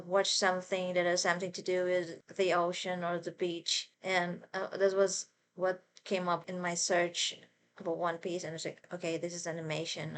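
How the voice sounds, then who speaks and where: A woman vlogger telling personal stories as a fan in an expressive, casual, rambling way. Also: fairly low pitch, clean tone. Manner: expressive, informal storytelling.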